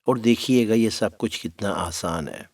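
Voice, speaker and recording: A middle-aged man with a lowish voice teaches Quran recitation in a tajweed lesson. He speaks patiently, addresses his students as "my child," and stretches syllables out slowly to show how they sound.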